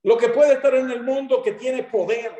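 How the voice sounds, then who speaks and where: A man from Maracaibo in Venezuela with a Maracaibo accent, preaching a sermon as a guest pastor, talking fast and getting excited. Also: very high-pitched, reverberant. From Venezuela (Zulia).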